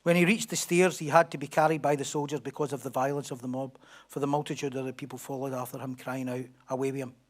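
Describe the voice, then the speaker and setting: A man's voice: mid-range voice, little pitch movement, fast, few pauses. A middle-aged man, a pastor delivering a sermon with emphatic, repetitive lines and rhetorical questions.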